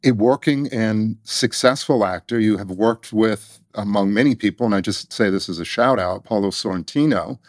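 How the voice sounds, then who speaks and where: A man's voice: fairly low pitch, normal speed, few pauses, no echo, clean studio sound. A man interviewing a guest, conversational, repeating words and checking his facts with short questions. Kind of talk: radio interview.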